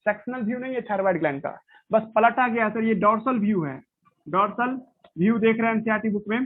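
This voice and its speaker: A man's voice: high-pitched, dry recording. A male biology teacher giving a classroom lecture, explaining step by step and answering his own questions. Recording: dry, tinny phone-like sound.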